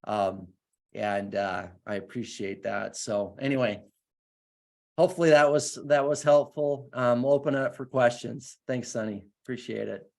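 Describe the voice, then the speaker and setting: Guy giving a pep talk, earnest and eager, keeps restarting sentences, medium pitch. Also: normal speed, creaky, darkish tone. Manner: earnest, enthusiastic, many restarts. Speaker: guest speaker. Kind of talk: motivational talk and Q&A.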